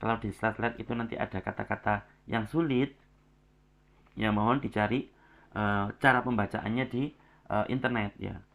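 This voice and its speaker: A man's voice: on the low side, fairly even intonation, normal speed, vocal fry, long pauses, fairly bright tone. A man giving feedback on student presentations in a class, with many filler sounds and phrases ending in a tag word. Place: online class recording.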